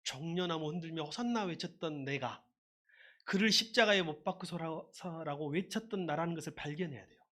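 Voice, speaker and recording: A man preaching a sermon as a pastor, lively and conversational, leading his congregation in call-and-response shouts. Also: on the high side, normal speed.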